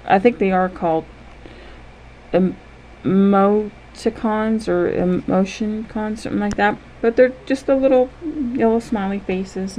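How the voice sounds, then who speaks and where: A woman leading a guided imagery lesson in a gentle, unhurried way, often checking in with "okay?". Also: medium pitch, slight background noise, rough recording.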